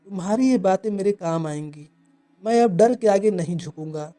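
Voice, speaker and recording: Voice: medium pitch, expressive, moderate pace, warm tone, close to an everyday voice. A narrator voicing an anxious fellow truck driver. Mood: earnest. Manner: questioning, earnest.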